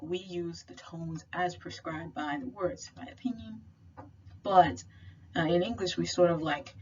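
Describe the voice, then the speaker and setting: A woman's voice: lowish voice, darkish tone. A young woman tutoring a language class in a casual, chatty way, full of fillers and playful slang. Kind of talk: casual recorded tutoring lesson. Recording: slightly dull sound with faint noise.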